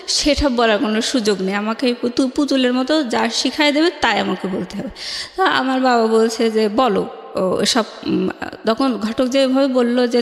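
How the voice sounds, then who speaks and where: A young woman calling in to tell her life story in a casual, earnest way, often halting and restarting her words. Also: a little high. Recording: echoey room with long reverb.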